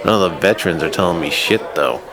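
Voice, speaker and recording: An eager, pushy barfly in his late forties, as a male narrator puts him on. His voice sits very deep. A crowd murmurs behind him. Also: lively intonation, quick pace. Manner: eager, pushy barroom talk.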